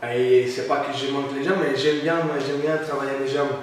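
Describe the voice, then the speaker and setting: Man, foreign Portuguese accent in French, halting non-fluent delivery, casual interview answers, heavy room echo, distant mic. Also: mid-range voice, fairly even intonation. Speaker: interviewee, competitive physique athlete. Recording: echoey room, distant mic, faint noise.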